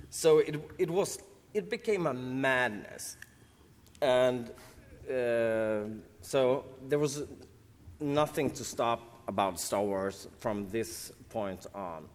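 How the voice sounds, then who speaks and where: In a big, echoing convention hall, a man from Sweden sits on a panel and talks informally, though jet lag shows. His mid-range voice carries a Swedish accent, and he keeps pausing and beginning again while searching for words.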